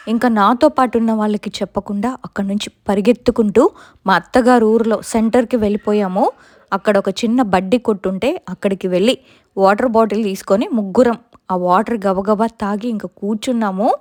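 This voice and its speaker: A woman with a Telugu accent narrating a first-person ghost story from a script, her quoted lines pushed louder. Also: medium pitch, moderate pace, no echo.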